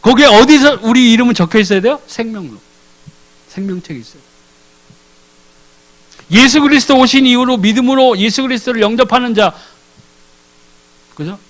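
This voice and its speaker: A man's voice: very high-pitched, normal speed, pauses often, a bit bright, poor audio. A man preaching a sermon as a deacon. He asks questions and answers them himself, and acts out the characters in casual speech.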